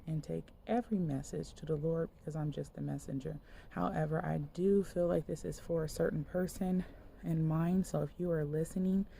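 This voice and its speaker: Woman minister, gravelly low-pitched voice, casual rambling sermon delivery, faint background hiss. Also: warm tone. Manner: conversational, loose, many fillers like "like". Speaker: minister sharing a dream. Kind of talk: casual spoken sermon, retelling a dream.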